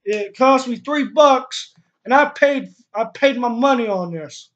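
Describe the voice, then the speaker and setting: A young man with a strikingly high voice reviews a product in a casual, blunt way. He talks slowly around a lip packed with chewing tobacco. The sound is dull, lo-fi webcam audio from a small room. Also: fairly bright tone, a little hiss or hum. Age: young adult. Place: small bare room indoors. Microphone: webcam microphone at desk distance.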